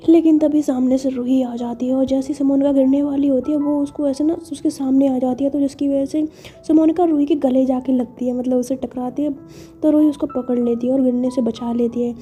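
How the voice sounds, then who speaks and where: A woman's voice: high voice, steady tone, a little fast, warm tone, faint music behind. A woman telling a romance story in a chatty, casual way, full of fillers.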